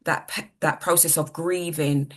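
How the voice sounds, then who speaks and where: A woman in her sixties, telling her story earnestly as an interview guest, halting and repeating words. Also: sits low, fairly even intonation. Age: 60s. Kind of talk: personal testimony in an interview.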